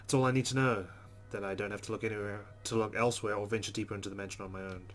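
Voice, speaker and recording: Soft music plays in the background as a man with a fairly low, steady voice reads rapid-fire through a visual novel's first-person narration. He's a let's player giving the on-screen game text a dramatic reading, and there's noticeable background noise too.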